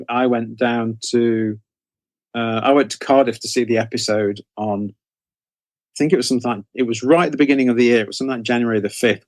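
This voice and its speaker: A middle-aged British man, his voice lowish, tells anecdotes as an interview guest, rambling and interrupting himself. There's no room sound.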